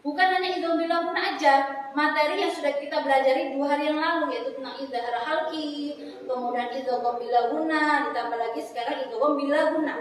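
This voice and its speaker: High-voiced woman teaching Quran recitation. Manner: chants Arabic phrases slowly, then corrects in plain speech. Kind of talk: tajwid lesson with chanted recitation examples. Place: foundation office classroom. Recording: echoey hall, far from mic.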